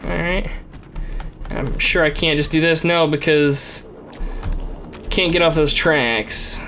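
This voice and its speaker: A man's voice: a little high, steady tone, slow pace, pushed and bright. A man giving casual, rambling gameplay commentary in a wry way. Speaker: gamer commentator. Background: game music.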